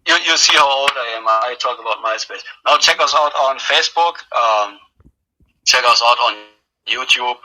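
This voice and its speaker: A metal band's drummer gives a casual interview while drunk, speaking at a moderate pace in a bright, forceful mid-range voice. He rambles tipsily with lots of hesitations and jokes, and the recording quality is low.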